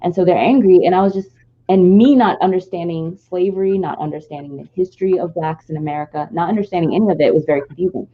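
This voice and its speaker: A Nigerian-born woman with no trace of an accent co-hosts a podcast, sharing a long, flowing personal story in an earnest, reflective way. She has a fairly low voice, talks fast, and the sound is lo-fi.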